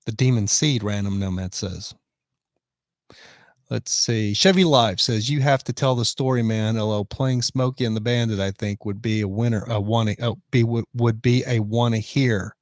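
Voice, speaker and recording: A man in his fifties hosts a casual live stream from a van in the rain, chatting and reading out viewer comments. His voice is lowish and his pace moderate, with studio-quality sound and no room echo.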